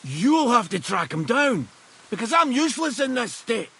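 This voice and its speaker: A man's voice: very high-pitched, big pitch swings, moderate pace, bright, forceful tone, full character voice. An actor playing an injured, blunt woodsman who is short of breath and barks orders in a video game. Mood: gruff. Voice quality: gravelly, raspy.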